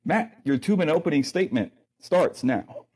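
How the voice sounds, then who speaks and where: A man's voice: fairly high pitch, animated, moderate pace, a little mellow, breathy edge. A man hosting and moderating a sports debate show, easygoing and full of ums. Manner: easygoing, filler-heavy moderator.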